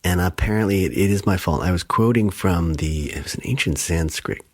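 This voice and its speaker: A man's voice: low voice, fairly quick, dry recording, studio quality. A man co-hosting a podcast in casual chat, telling a story in a rambling way that keeps stopping and restarting. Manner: rambling, self-interrupting storyteller. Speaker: podcast co-host.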